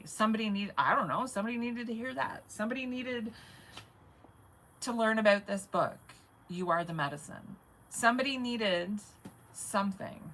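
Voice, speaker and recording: A woman's voice: fairly high pitch, moderate pace, fairly bright tone, a little hiss or hum, low-quality recording. A woman in her forties talking in a rambling, chatty live-stream monologue, swearing casually and laughing often. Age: 40s. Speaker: vlogger.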